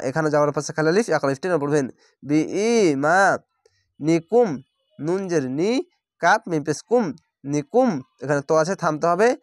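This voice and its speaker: A man teaching Quran reading, spelling out each word and drawing it out slowly, then explaining the rules at a quicker clip in Bangladeshi Bengali. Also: a little high, no echo, clean studio sound. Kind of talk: spelled-out Quran recitation lesson.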